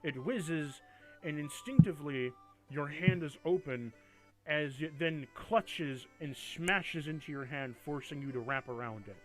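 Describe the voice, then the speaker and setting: Slightly high-voiced male game master. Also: measured pace, a bit bright, faint music behind. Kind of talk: improvised tabletop game narration.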